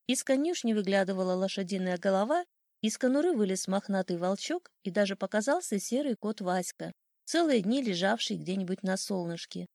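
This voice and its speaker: A woman narrating a classic children's story in an expressive, lilting reading. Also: medium pitch, fairly quick, dry recording, studio quality.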